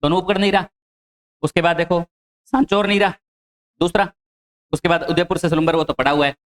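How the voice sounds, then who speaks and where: A man's voice: fairly high pitch, steady tone. A man teaching an exam-prep geography lecture in Hindi with a Rajasthani accent, asking his own questions and answering them and repeating key answers. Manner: lists place names in quick runs.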